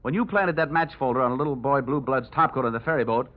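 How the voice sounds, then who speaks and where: A man with a medium-pitched, fairly ordinary voice talks fast, playing a tough, wisecracking insurance investigator. He narrates and speaks in the punchy, sardonic manner of an old-time radio detective, sounding sardonic and firm. The recording is a dull old radio capture with loud music.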